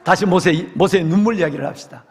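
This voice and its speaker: A male senior pastor telling a story as a dramatic sermon, with animated delivery, in a church sanctuary. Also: high-pitched, fast talker, vocal fry. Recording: long church hall reverb.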